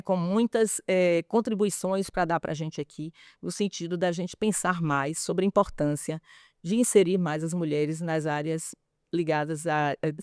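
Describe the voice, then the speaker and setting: A woman's voice: lowish voice, no echo, studio quality. A woman hosting an interview podcast, introducing her guest enthusiastically and chatting asides to her listeners. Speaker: podcast host.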